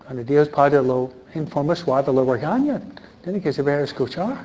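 Slow-speaking male preacher. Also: a little high, expressive, a little mellow, muffled recording, slight background noise. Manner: conversational, asks the audience questions. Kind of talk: sermon.

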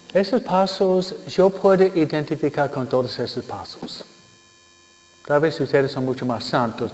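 A man's voice: medium pitch, a little mellow. A male preacher giving a humorous sermon, joking and keeping his audience engaged with tag questions. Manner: jokey, keeps asking the listeners "¿no?". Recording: dull lo-fi recording in a reverberant hall.

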